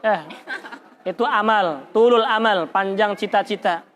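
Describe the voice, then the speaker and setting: A man's voice: sits high, measured pace, fairly bright tone. A man giving a religious study lecture in a casual, teasing way, often laughing and asking rhetorical questions. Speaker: Islamic teacher.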